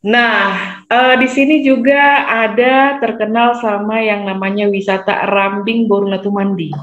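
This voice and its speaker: A woman's voice: medium pitch, fairly even intonation, unhurried, fairly bright tone. A chatty woman, talking casually as a radio guest and stopping often to search for words. Her voice sounds roomy and a little dull, as if the line were lo-fi. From North Sumatra, Indonesia. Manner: chatty, hesitant, many fillers. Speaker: guest describing her hometown. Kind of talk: casual radio talk show chat.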